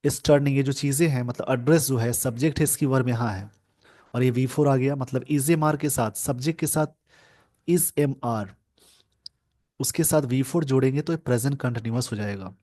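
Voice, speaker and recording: Man slowly explaining grammar. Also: medium pitch, warm tone, dry recording. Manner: explains word by word, reads English phrases slowly. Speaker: English teacher. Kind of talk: newspaper editorial lesson.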